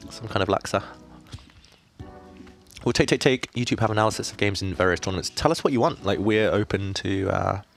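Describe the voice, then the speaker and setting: Male chess streamer, very low voice, chatty and self-mocking, faint music under him. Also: normal speed, vocal fry, pauses often. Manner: self-deprecating, chatty, reads chat questions aloud. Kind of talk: casual live-stream commentary.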